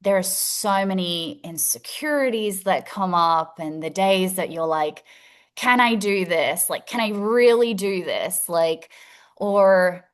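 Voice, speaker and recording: A featured guest educator from Italy, whose first language is Italian, chats warmly and casually over a video call. She's open and talkative, laughing often. Her voice is on the low side and slow, with a clean tone.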